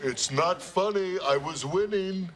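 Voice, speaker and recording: An actor playing an exasperated, defensive grown son in a sitcom. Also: male voice, sits high, measured pace. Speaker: sitcom brother. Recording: noisy TV audio.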